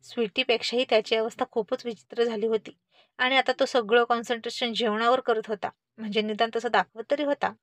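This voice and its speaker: A woman narrating a family story in a lively, expressive reading style. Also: fairly high pitch, fairly quick, no echo.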